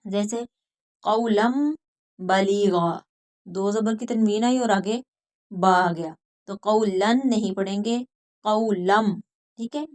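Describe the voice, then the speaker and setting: A woman with a Pakistani accent teaching Quran reading, explaining each rule step by step and slowly repeating words. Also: medium pitch, a little mellow. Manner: patient, repeats words slowly and stretches recited sounds. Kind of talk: slow step-by-step lesson.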